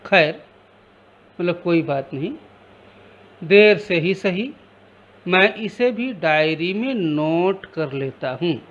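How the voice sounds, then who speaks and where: A male teacher speaks slowly and deliberately, pausing to explain words in simple terms. His voice sits high for a man. The recording is slightly muffled and lo-fi. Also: lively intonation, a bit bright. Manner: slow, explanatory, repeats words with simple meanings. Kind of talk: reading a story aloud and explaining words.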